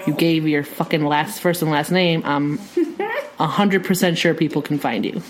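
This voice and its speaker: A woman's voice: low voice, moderate pace, slight background noise, low-quality recording. A woman co-hosting a casual podcast with her sister, teasing and laughing often. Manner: giggly, teasing, animated. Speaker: podcast co-host. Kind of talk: casual chat.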